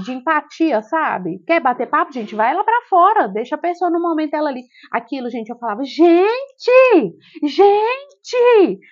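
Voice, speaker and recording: Animated Brazilian woman telling a story. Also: high voice. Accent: Brazilian Portuguese. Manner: animated, exclamatory retelling. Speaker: vlogger. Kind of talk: personal storytelling to camera. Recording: dull lo-fi sound.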